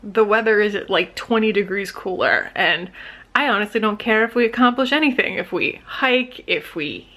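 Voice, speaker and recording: A woman's voice: medium pitch, normal speed, fairly bright tone. A young woman talking casually to her camera at home, rambling and laughing often as she trails off mid-sentence. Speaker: vlogger. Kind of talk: casual vlog chat to camera.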